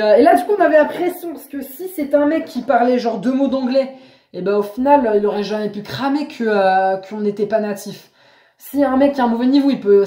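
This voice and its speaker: A young woman vlogger chatting casually, telling an anecdote in lively slangy storytelling. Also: fairly high pitch. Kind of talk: casual chat. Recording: echoey room.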